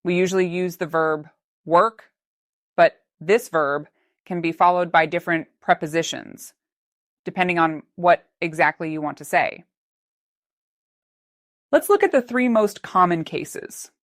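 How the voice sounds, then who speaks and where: Calm and steady, a woman with a fairly low voice reads a scripted English lesson at an unhurried pace, enunciating every word clearly for learners. The recording is close and dry with no echo at all.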